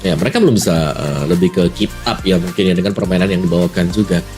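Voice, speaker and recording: A man's voice: low voice, expressive, fast talker, a little mellow, soft background music. An Indonesian man giving live esports analysis and commentary in a conversational, emphatic way. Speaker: esports caster.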